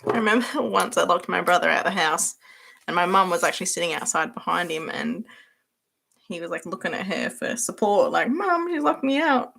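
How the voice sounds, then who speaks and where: A woman's voice: lowish voice, brisk, gravelly, sharp tone, slightly rough. A young woman hosting a casual livestream, chatting and laughing while she answers viewers by name as she works. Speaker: livestream host.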